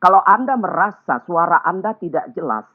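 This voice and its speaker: A man giving a webinar talk as a public speaking trainer, speaking clearly and articulating every sound. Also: high voice, normal speed. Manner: clear, carefully articulated, lively teaching delivery. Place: remote video call. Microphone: computer or phone mic on a video call. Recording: tinny phone-like online call audio.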